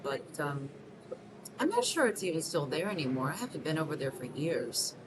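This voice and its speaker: A woman in her 30s from Mexico City plays a soft-spoken, self-conscious 38-year-old single mother being interviewed in a short film, answering unheard questions in a scripted monologue. She's hesitant, full of ums and restarts, with a low pitch and big pitch swings. Noticeable background hiss runs under the recording.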